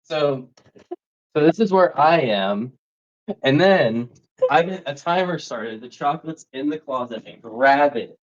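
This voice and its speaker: A woman chatting casually, telling things in an animated, dramatic way, in slightly muffled audio. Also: low-pitched, unhurried. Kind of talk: casual chat.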